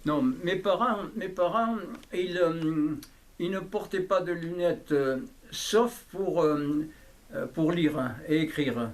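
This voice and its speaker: An elderly man from southwest France talks casually and haltingly, repeating himself, recorded by a hidden microphone. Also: fairly high pitch. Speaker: interviewee, childhood friend recalling the past. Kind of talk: casual conversation, reminiscing. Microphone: hidden camera microphone. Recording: noisy candid hidden-mic recording, clicks.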